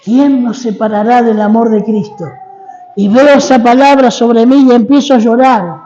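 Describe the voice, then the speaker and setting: A man's voice: very high voice, steady tone, normal speed, warm tone, big-room sound, lo-fi sound, a little hiss or hum. A middle-aged man with an Argentine accent preaching a sermon as a dramatic personal testimony, calling on the congregation to repeat his words. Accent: Argentine Spanish. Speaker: guest preacher. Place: church hall.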